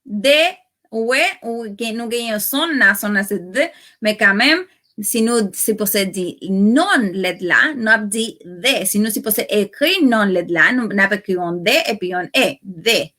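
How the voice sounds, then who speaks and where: A woman with a Haitian accent teaching a language lesson, explaining slowly and repeating example words with their stressed syllables. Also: medium pitch, sharp tone.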